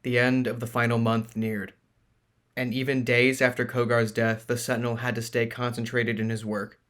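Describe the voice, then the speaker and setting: A man narrating a science-fantasy novel in a steady, plain reading voice. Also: medium pitch, moderate pace.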